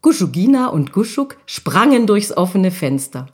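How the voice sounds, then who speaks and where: A woman reading a children's story aloud in a slow, expressive way. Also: mid-range voice, husky.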